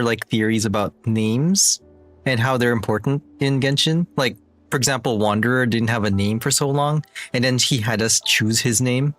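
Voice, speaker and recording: A man's voice: mid-range voice, fairly bright tone. Young man giving casual game commentary. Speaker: game streamer.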